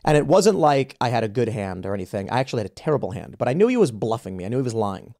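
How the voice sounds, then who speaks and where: A man's voice: medium pitch, very animated, rapid-fire, a little mellow. A man in his thirties from the United States, hosting a podcast and telling an indignant story full of restarts and repeated words. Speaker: podcast host. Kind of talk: casual podcast conversation.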